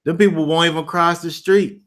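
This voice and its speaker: A man hosting a Bible study discussion, chatting casually and telling loose, animated stories, acting out scenes with playful sound effects. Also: on the high side, fairly quick. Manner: loose, rambling with restarts. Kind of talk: casual chat.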